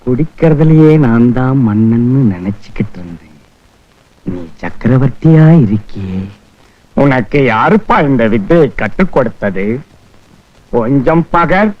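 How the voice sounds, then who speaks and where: A man's voice: medium pitch, big pitch swings, measured pace, pauses often, no room sound. An actor playing a cheerful drinker who admires his drinking companion and offers him his sister in marriage. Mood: admiring. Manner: admiring, theatrical. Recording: dry, muffled film soundtrack.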